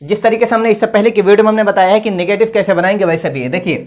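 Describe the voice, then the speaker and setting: A man's voice: high voice, racing. Patient male English teacher, tinged. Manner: repeats "theek hai" often, explains patiently. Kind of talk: classroom lesson at a board.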